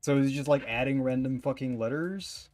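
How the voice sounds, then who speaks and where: Young male streamer, middle pitch, dry joking asides over soft game music. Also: fairly quick. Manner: casual, wry, swears in asides. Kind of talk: reading game dialogue aloud and commenting. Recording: faint game music behind.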